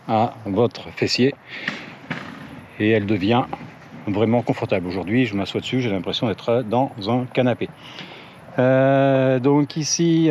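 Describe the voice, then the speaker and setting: A man's voice: fairly low pitch, darkish tone. A man doing a casual, hesitant walkthrough of his bike gear for his channel, with many fillers and self-corrections. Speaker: cycling vlogger. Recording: dull lo-fi audio with faint ambient noise.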